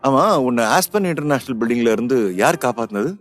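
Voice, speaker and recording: A woman voicing a young man who gently soothes and teases a crying friend. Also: extremely low pitch, expressive, a little fast, pitched below the performer's own voice. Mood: curious. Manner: gentle, teasing. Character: young man, teasing and caring.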